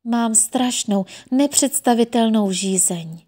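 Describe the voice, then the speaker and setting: A woman's voice: a little high, warm tone, natural voice. A thirsty little boy from a storybook, plaintive and childlike, as a woman narrator gives him voice. He sounds tired and insistent.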